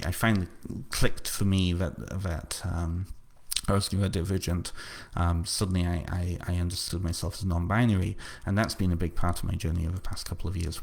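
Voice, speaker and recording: An author from North Wales hosts a livestream for his book launch, chatting casually and answering comments. He has a deep voice with vocal fry, a darkish tone and a slight North Welsh accent, and he speaks haltingly, repeating words and using plenty of fillers.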